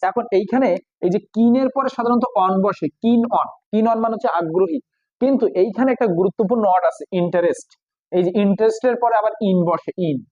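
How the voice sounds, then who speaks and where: A high-voiced man with a Bengali accent teaches English grammar, going slowly through each phrase and pausing often to explain. The recording is dry and slightly dull. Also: mellow, no echo. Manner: slow, explains each phrase step by step with many pauses. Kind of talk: exam prep lesson.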